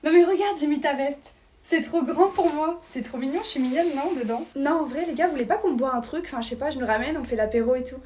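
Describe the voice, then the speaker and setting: A woman voicing a vain, condescending teenage girl in a comedy sketch, boastful and loud. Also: sits high, fast talker, slight background noise, close to an everyday voice. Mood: showing off. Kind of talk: comedy sketch role-play.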